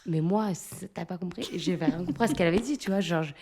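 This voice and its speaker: A woman in her thirties from France, a podcast guest telling lively stories in a casual chat, laughing often and using lots of fillers. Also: on the low side, fast talker, a little hiss or hum. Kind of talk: casual storytelling interview.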